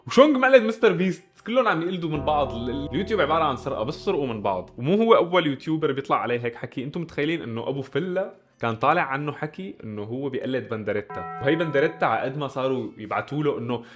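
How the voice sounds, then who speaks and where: Fast-talking Levantine man with sarcastic bite. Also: mid-range voice, animated, music in the background. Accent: Levantine Arabic. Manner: rapid, blunt and sarcastic. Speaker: reaction commentator. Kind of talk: casual commentary.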